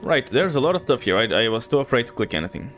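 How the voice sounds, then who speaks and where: Faint music plays behind this fast-talking Bulgarian streamer, whose medium-pitched voice is sing-song and a bit bright, with a light accent. He chats loosely with his audience and thinks out loud during gameplay.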